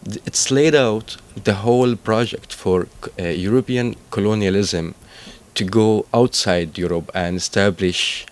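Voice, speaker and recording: A man, a guest in an interview, explaining at length in halting speech with frequent restarts. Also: on the low side. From Palestine and Syria.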